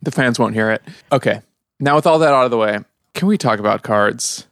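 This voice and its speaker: A man's voice: medium pitch, fairly quick, a bit bright, no echo, clean studio sound. Upbeat podcast host man reading plugs. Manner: upbeat, reads sponsor and patron plugs. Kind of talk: casual podcast chat.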